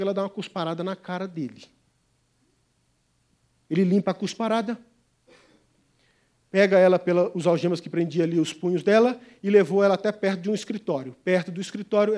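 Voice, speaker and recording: Delivering a sermon, this middle-aged missionary pastor uses a high-pitched voice. As an emphatic storyteller, he shifts from booming to quiet.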